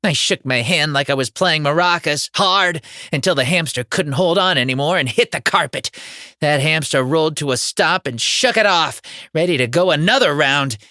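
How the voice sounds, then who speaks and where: A woman narrating a first-person horror comedy audiobook in an expressive, dramatic way with comic timing, on a close studio mic. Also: deep voice, moderate pace, no echo.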